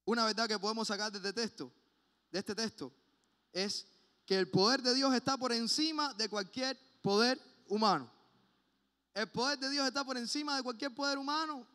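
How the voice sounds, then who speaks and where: A man preaching a sermon in a church, passionate and emphatic, at times dropping to a quiet personal tone. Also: very high-pitched, moderate pace. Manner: impassioned, swings between loud emphasis and hushed personal asides. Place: church sanctuary. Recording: long hall reverb.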